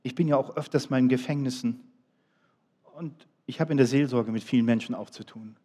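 A middle-aged man delivers a sermon in a warm, dark voice. He builds to loud, emphatic appeals and then falls to hushed, quiet remarks. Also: medium pitch, fairly quick. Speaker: preacher.

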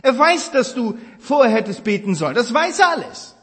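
Male preacher, high-pitched, fervent sermon delivery, long hall reverb. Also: big pitch swings, moderate pace. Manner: impassioned, swinging between loud emphasis and hushed tenderness.

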